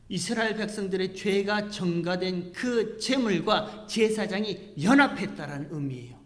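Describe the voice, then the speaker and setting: A male pastor with a high-pitched voice preaches a sermon in a church sanctuary. He drops to near whispers and then rises into loud, impassioned outbursts, voicing the speakers in his scripture passage as he goes. His voice rings out with a long hall reverb. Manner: acts out quoted speech while preaching.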